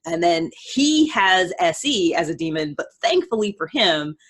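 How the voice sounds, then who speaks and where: An American woman around her thirties speaks at normal speed in a fairly low, very animated voice. Hosting a podcast-style monologue, she explains things casually and conversationally, sprinkling in personal examples.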